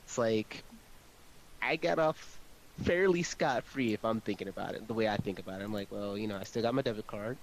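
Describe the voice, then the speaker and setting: An amateur audio drama producer chats casually in a lowish, brisk voice. His talk rambles, repeats itself, and leans on slang. It was captured on a hissy, noisy home microphone.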